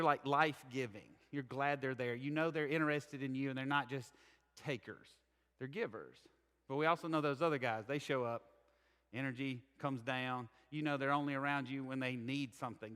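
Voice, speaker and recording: A man's voice: medium pitch, a bit bright. A middle-aged man with a Southern American accent, preaching a sermon in a conversational, candid and earnest way. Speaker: pastor. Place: church sanctuary. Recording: echoey church hall.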